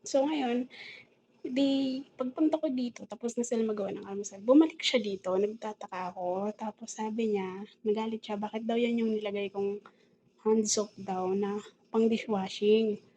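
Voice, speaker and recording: A woman's voice: mid-range voice, fairly even intonation, moderate pace, warm tone, slight background noise, rough recording. A woman with a Filipino accent telling a rambling, aggrieved story in a casual vlog, mixing English words into her talk. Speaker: domestic helper vlogger.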